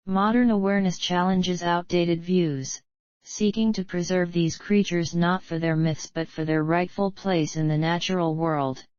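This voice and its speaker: Low-voiced woman narrating a nature documentary. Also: steady tone, measured pace, darkish tone, clear, resonant tone, no echo, lo-fi sound.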